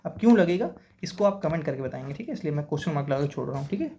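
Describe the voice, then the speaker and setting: Animated and rapid-fire, his slightly high voice carries a warm tone as he teaches English for competitive exams. He explains words with patience, spells some out letter by letter, and checks in again and again with "okay" throughout the exam-prep lesson.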